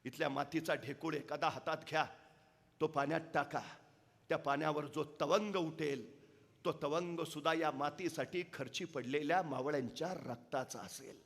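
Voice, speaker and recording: A man's voice: on the high side, normal speed, gravelly, big-room sound. A man giving an impassioned public speech full of dramatic storytelling. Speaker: public speaker. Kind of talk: oration.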